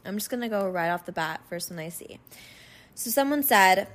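A woman in her twenties hosting a casual advice podcast, slightly hoarse from being sick, rambling with lots of fillers. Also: mid-range voice, lively intonation, normal speed, fairly bright tone. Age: 20s. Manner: rambling, lots of likes and ums. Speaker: podcast host.

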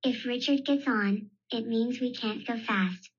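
Woman doing a bossy little pig girl, high childlike voice, slow storybook delivery, dull lo-fi audio. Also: breathy edge. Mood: grumbling. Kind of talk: storybook character voice.

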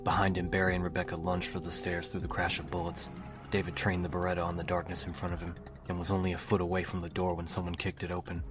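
A male audiobook narrator reads a novel in a steady, even manner. His voice is deep and almost completely flat in pitch. Music runs clearly behind him. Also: fast, hardly any pauses. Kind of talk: reading a novel aloud.

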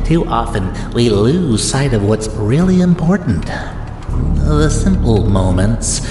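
An actor playing a gleefully sadistic clown villain in an audio drama, taunting in a drawn-out theatrical way. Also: male voice, fairly low pitch. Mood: mock-sentimental menace. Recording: echoey hall reverb over music.

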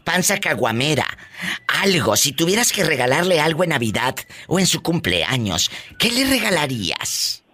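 A man's voice: on the high side, sing-song, normal speed, sharp tone, slightly rough. A man from Tamaulipas, hosting a live radio call-in show in a flamboyant, teasing, campy way. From Tamaulipas, Mexico. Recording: music playing behind.

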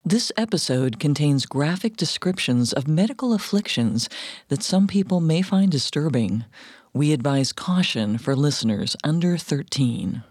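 A woman's voice: sits low, lively intonation, moderate pace, darkish tone, husky, no echo, clean studio sound. A woman co-hosting a podcast, reading scripted mystery narration. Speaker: podcast co-host.

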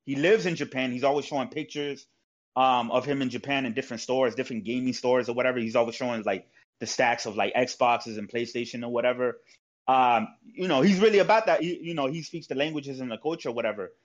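A man talks casually and at length. His speech is full of fillers, restarts and profanity. The audio is dull and lo-fi, with an ordinary mid-range pitch. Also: fast. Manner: rambling, profane, lots of fillers. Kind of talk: casual chat.

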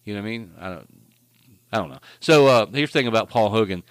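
Low-voiced man spinning crude tall tales. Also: quick pace, no echo. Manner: rambling, profane, deadpan tall tales. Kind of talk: crude casual banter.

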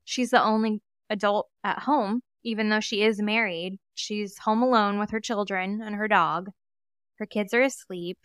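Female podcast co-host, smooth resonant voice, lively casual narration, very dry sound. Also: medium pitch, moderate pace, no room sound. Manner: animated retelling, acts out quoted witnesses. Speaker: true crime podcast co-host. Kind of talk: casual storytelling.

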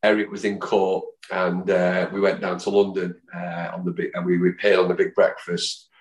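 Manc bloke in his 50s, chatty rambling storyteller, lowish voice, roomy echo. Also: little pitch movement, normal speed. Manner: rambling, chatty storyteller who acts out quotes. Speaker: guest, fan songwriter. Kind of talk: anecdotal storytelling in a podcast chat.

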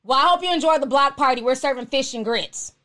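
A very high-pitched woman talks casually as host of her own live stream. She is sassy and outspoken, answering commenters bluntly and with plenty of slang. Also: fast talker, pushed and bright, a little hiss or hum.

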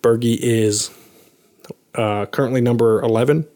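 A man's voice: medium pitch, fairly even intonation, measured pace, warm tone. Man talking sports with many fillers. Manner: analytical, hedging with frequent fillers. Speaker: podcast co-host. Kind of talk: casual sports podcast analysis.

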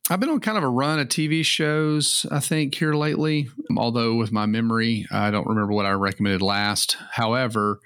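A man co-hosting a podcast in casual chat, relaxed and full of fillers and restarts. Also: medium pitch, fairly quick, hardly any pauses, smooth, no echo, studio quality. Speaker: podcast co-host.

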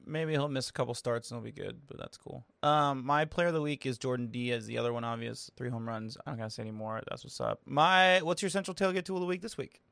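A man co-hosting a casual sports podcast, laid-back and slangy, often trailing off quietly. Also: medium pitch, fast talker, vocal fry. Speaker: podcast co-host.

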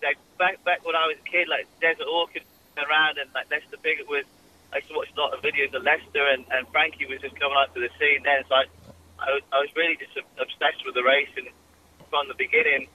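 A man's voice: mid-range voice, sharp tone, slight background noise, rough recording. A young Welsh man chatting casually in a radio interview, full of fillers and restarts. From Wales. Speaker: jockey guest.

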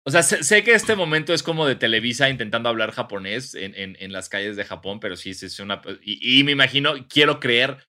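A man's voice: mid-range voice, expressive, a little fast, few pauses, bright, forceful tone. A young Mexican man co-hosting a casual podcast, laid-back and slangy, with a teasing streak. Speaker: podcast co-host. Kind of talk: casual chat.

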